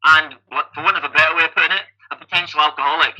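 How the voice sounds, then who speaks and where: Racing along in a fairly high, bright and forceful voice with fairly even intonation, a man from Scotland in his fifties shares his life story on a podcast. He's an amateur endurance athlete who often restarts his phrases, and the recording is rough.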